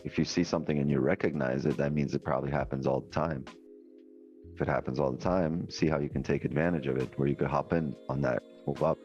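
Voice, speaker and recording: A man with a deep voice chats casually as a livestream co-host. His talk is informal and slangy. The sound is a little dull, with music playing behind him. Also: fairly even intonation, quick pace, a little mellow. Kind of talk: casual chat.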